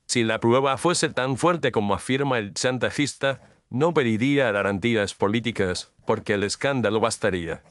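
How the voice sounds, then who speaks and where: A medium-pitched, fairly bright male voice keeps a moderate pace with few pauses, sounding natural with no room sound. In radio drama acting he portrays a cool, exacting, middle-aged detective who makes precise, commanding pronouncements with a measured mood.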